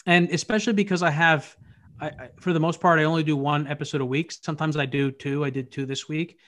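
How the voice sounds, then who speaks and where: A man's voice: on the high side, steady tone, fast, fairly bright tone. A man in a casual interview on a video call, talking his answers through thoughtfully with frequent restarts. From United States. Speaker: podcast host appearing as guest.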